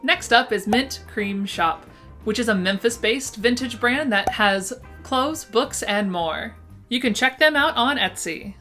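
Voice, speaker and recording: A woman's voice: on the high side, lively intonation, a little slow, pushed and bright. A woman with a lisp that makes her s slushy, enthusiastically presenting a scripted roundup list. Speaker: presenter of a vintage shop roundup. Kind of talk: upbeat scripted list narration to camera. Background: background music.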